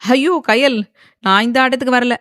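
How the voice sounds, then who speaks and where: A cheeky young man with a quick, teasing manner, full of playful banter, as a woman reading an audio novel puts him on. The voice sits a little high and bright, recorded close and dry. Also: no echo, lightly acted.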